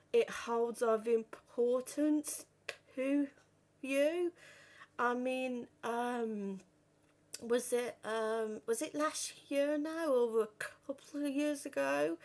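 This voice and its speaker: Slow-talking woman with a stammer. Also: fairly high pitch. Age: 30s. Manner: stammers, with repeated words and broken starts. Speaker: vlogger. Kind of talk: personal talk to camera.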